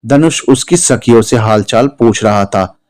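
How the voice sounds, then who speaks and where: A man's voice: a little slow, darkish tone. Man narrating a dramatic story. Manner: voices every character himself, pitching up for women and anger. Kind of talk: scripted narration with acted dialogue.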